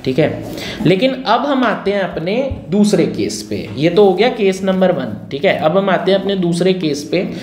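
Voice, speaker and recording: A man's voice: sits high, very animated, normal speed, darkish tone. A male grammar teacher leading a classroom lesson, repeating key words and firing check questions at his students. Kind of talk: classroom grammar lesson in Hindi mixed with English. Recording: roomy echo with faint noise.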